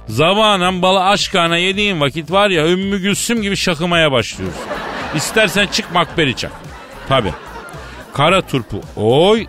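A man's voice: medium pitch, a bit bright. A man hosts a comic radio segment with a mid-range voice, joking and teasing. He stages a pretend phone call with playful banter. Faint music plays beneath his voice. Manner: jokey, teasing, mimics the other end of a phone call. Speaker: radio comedy host.

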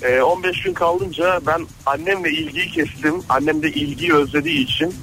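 Animated higher-voiced male caller. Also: low-quality recording. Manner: animated, quick storytelling. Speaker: radio caller. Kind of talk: storytelling on a phone-in.

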